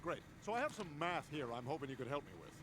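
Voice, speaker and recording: A man's voice: fairly high pitch, very animated, very fast, noisy background. A man voicing a brash, dim, cheerful cartoon suburban dad. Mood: breezy, self-satisfied.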